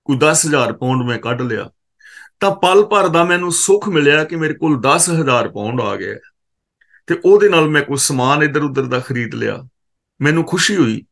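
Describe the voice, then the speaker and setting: A man from Punjab gives a katha scripture exposition, his voice sitting slightly high for a man. He chants each verse in a slow, drawn-out way, then explains it word by word in a teaching tone, pausing to correct how the words are pronounced. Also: animated, vocal fry, a bit bright. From Punjab, India.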